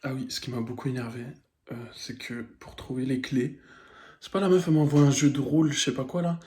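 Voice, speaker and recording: This man in his twenties speaks briskly in a mid-range voice that's darkish and slightly rough, with fairly even intonation and no room sound. Recording a casual vlog on a handheld phone camera, he rants in exasperation with crude swearing, first driving in a car and later walking outside.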